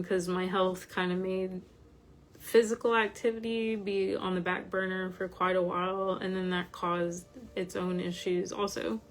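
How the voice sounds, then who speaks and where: A tired-sounding woman with a slightly croaky voice, talking informally and haltingly as she hosts an online study group. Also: mid-range voice. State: tired from medication. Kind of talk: informal livestream talk.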